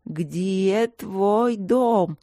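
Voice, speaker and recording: A woman voicing an injured young woman who mumbles and speaks slowly in a hoarse voice. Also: mid-range voice, dark tone, dry recording, clean studio sound. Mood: curious. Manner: slow mumbling, drawn-out words.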